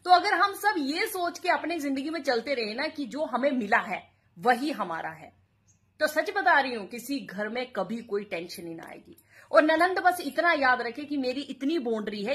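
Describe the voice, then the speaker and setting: Brief: husky, slightly high woman, earnest advice talk. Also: a bit bright. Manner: earnest, advising.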